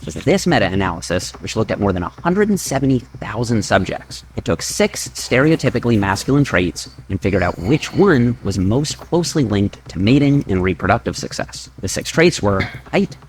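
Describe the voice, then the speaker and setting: A man narrating a scripted fitness explainer in a measured, data-driven way. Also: on the low side, sing-song, slight background noise.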